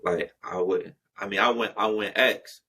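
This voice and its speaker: A man's voice: lowish voice, steady tone, normal speed, pushed and bright, slightly rough, low-quality recording. A man hosting a casual podcast, slangy and rambling, with many restarts. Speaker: podcast host.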